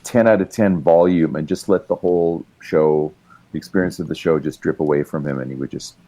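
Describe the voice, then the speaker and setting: A Canadian musician and writer, guesting in a casual chat, tells long, rambling stories full of fillers and restarts. His voice is extremely low-pitched and mellow, and he talks briskly.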